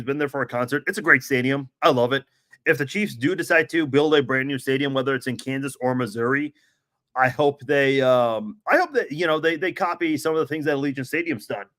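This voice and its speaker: A man hosting a sports podcast, his voice hoarse and worn out from yelling, giving emphatic opinions in a casual, halting way with awkward pauses. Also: medium pitch. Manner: opinionated, emphatic, rhetorical questions.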